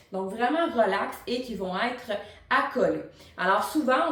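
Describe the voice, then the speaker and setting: A woman with a Quebec French accent giving an informal, encouraging tutorial as a vocal coach, speaking directly to the viewer. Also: mid-range voice. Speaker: singing teacher and vocal coach. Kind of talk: tutorial explanation to camera. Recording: roomy echo, distant microphone.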